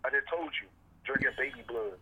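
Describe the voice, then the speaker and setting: A man heard through a speakerphone, calling in while sick with the flu. He talks quickly in loose slang, joking and rambling in casual podcast banter. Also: mid-range voice, bright, forceful tone, poor audio. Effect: heard over a speakerphone call.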